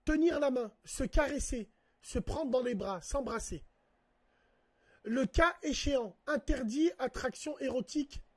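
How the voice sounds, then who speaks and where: Male streamer with a high, husky voice, recorded dry. He addresses viewers directly, swears and rants heatedly. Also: unhurried, dry recording. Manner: talks straight to viewers, swears, worked up. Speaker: live streamer. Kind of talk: casual livestream rant.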